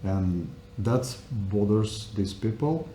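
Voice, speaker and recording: Man, English. Unhurried, halting interview answers, roomy sound with a little noise. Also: lowish voice, animated, dark tone. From Russia. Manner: halting, searching for words in simple non-native English. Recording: echoey room with faint noise.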